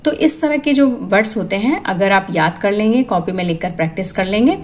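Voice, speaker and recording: Woman going through spelling lists, word by word, steady teacher voice. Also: medium pitch, brisk, low-quality recording. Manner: lists words one by one, explaining rules. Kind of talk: spoken spelling lesson.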